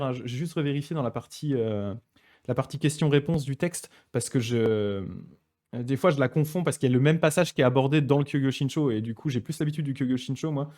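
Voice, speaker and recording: Man teaching a casual live study session. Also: medium pitch. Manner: relaxed, explanatory, chatty with frequent hesitations; reads passages aloud slowly, then comments. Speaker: Buddhist teacher.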